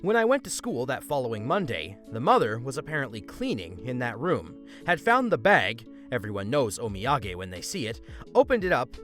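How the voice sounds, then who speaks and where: A man who hosts a story channel reads online stories aloud and adds his own comments. He is animated, swinging his pitch for emphasis, with faint music in the background.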